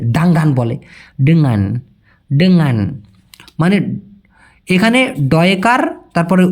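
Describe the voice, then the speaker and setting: A man with a Bangladeshi Bengali accent teaching vocabulary in a chatty spoken lesson. He repeats words slowly and keeps addressing the listener as brother. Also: fairly high pitch, darkish tone. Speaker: language teacher.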